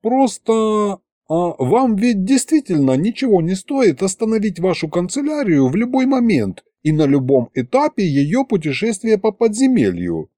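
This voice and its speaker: A man's voice: high-pitched, sing-song, warm tone, no room sound, studio quality, voice pushed up. A man voicing a polite, reasoning horned male archivist at a royal court in an audiobook. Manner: courteous, measured.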